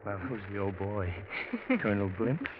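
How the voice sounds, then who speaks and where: A man's voice: medium pitch, very animated, a little fast, lightly acted. An actor playing a young American man in a mid-century radio drama. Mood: breezy, charming. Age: young adult. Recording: muffled old radio recording, faint noise.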